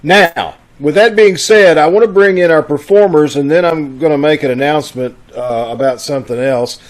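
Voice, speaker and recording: Hosting a live radio-troupe broadcast online via video call, this man speaks at a moderate pace in a voice on the high side. His announcements come across relaxed, folksy and chatty.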